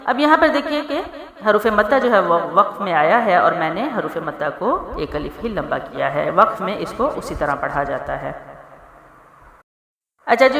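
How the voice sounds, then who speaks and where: A woman teaching tajweed rules, spelling out letters and vowel marks and drawing out the recited words slowly, often asking if her listeners follow. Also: medium pitch, fairly bright tone. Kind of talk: tajweed lesson. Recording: echoey room with long reverb.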